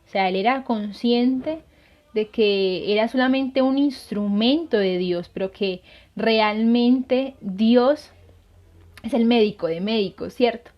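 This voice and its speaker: A woman's voice: fairly high pitch, takes it slowly. A woman missionary earnestly telling a saint's life to viewers, hesitating often with fillers. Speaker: lay missionary. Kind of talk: devotional storytelling. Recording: dull lo-fi sound.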